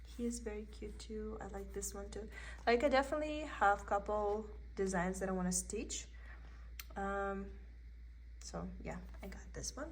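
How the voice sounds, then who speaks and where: A cross-stitch vlogger with a Russian accent chats in a meandering way, thinking aloud as she does a casual show-and-tell of her haul at an indoor table. Her mid-range voice moves at normal speed, and the recording is rough with slight background noise.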